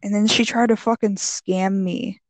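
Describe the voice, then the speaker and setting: Young woman chatting, slangy n blunt, medium pitch, close dry sound, tells little stories. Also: fairly even intonation, normal speed, dry recording. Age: young adult. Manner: slangy, blunt, swears freely, quotes people animatedly. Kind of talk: casual chat, telling anecdotes.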